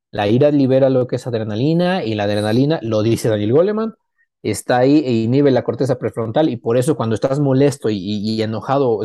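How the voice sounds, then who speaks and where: A man's voice: mid-range voice, dry recording, clean studio sound. A middle-aged man, a consultant talking casually on a podcast and acting out the people in his stories. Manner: animated storyteller, acts out quoted dialogue. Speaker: business consultant, podcast guest.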